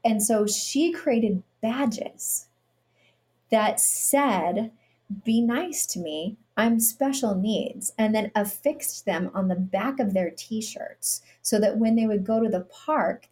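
Here a nonprofit CEO in middle age is interviewed as a podcast guest, her mellow, medium-pitched voice moving slowly. She tells her stories earnestly, occasionally mimicking people's words with a sarcastic edge.

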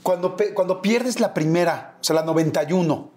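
A man hosting a sit-down interview with an easygoing manner. His voice is fairly high for a man. He keeps his questions light and conversational. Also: a little fast, a little mellow. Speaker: interviewer, host.

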